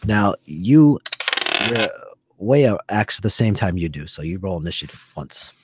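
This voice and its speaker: A man narrating a one-on-one tabletop game as game master, in a loose, halting way with many fillers. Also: low voice, very animated, heavy background noise.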